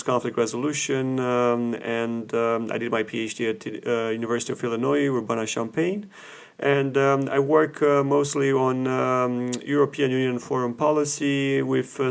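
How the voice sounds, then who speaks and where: This man, a guest professor from Romania, takes his time in a relaxed interview, with frequent pauses between phrases. He speaks in a mid-range voice with some vocal fry.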